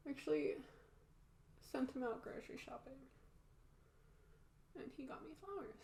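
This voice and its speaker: A woman's voice: high-pitched, expressive, moderate pace, creaky, mellow. A woman with a blocked-nose sound talking in an informal, rambling, candid way, as in a casual makeup tutorial. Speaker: makeup vlogger. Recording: roomy echo.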